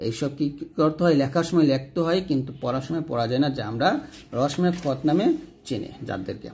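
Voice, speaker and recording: A man teaching Quran recitation rules, explaining from a book and slowly chanting the example words. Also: medium pitch, gravelly, a little mellow, slight background noise. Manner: points at the page while explaining.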